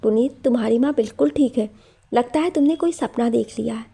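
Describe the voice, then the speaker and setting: A worried father from a storybook, as a woman narrator puts him on, urgent and reassuring. The voice sits high and mellow with a husky, breathy edge. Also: brisk. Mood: soothing. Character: worried father soothing his son.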